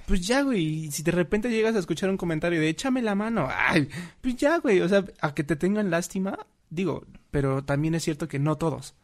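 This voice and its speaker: His voice sits high and he keeps a brisk pace: a young man, Mexican Spanish accent, laughing and full of slang as he animatedly recounts a story in easygoing conversation.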